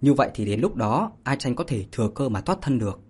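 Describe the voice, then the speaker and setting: A man voicing a brave, self-sacrificing sixteen-year-old girl thinking quietly to herself. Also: mid-range voice, sing-song, fast talker, breathy edge. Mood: resolved.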